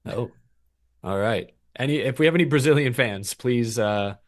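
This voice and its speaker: A man with a mid-range voice speaks at normal speed as a co-host on a racing podcast. The chat is casual and loose, and he laughs often and restarts his sentences a lot.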